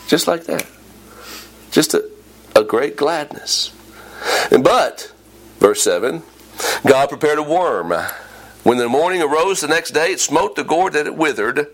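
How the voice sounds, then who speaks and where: A man preaching a sermon, reading old scripture aloud and swinging from low emphasis to emphatic high peaks. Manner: animated, rising to emphatic peaks and dropping low; reads King James scripture aloud.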